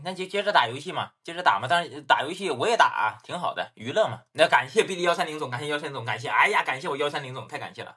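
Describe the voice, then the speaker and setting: A man's voice: fairly high pitch, pushed and bright, breathy edge. A man hosting a livestream, talking with callers in a casual, exasperated way and repeating his thanks to donors. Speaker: livestream host taking callers. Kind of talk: casual live-stream chat.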